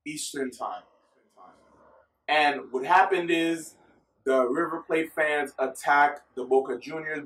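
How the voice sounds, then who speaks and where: A man's voice: on the high side, fairly bright tone, roomy sound, far from the mic. A man talking through football news in a casual, rambling vlog, often correcting himself as he goes. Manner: chatty, rambling, self-correcting. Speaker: football vlogger. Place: filmed at home in the US.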